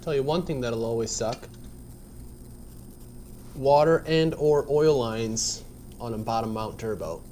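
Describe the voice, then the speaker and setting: Unhurried and warm, this man's mid-range voice comes with long pauses and a congested, slightly nasal sound, over slight background noise. He casually narrates a how-to of his car build while he works in a garage, laid-back and rambling with lots of filler, heard through a head-mounted action camera.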